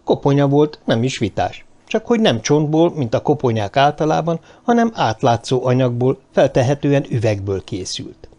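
A man narrating an audiobook with expressive storytelling. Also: medium pitch, hardly any pauses. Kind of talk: scripted narration.

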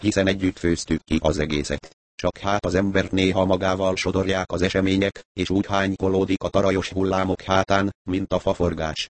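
A man's voice: low-pitched, little pitch movement, dry recording, lightly acted. A pleading desperate woman, as a narrator puts her on.

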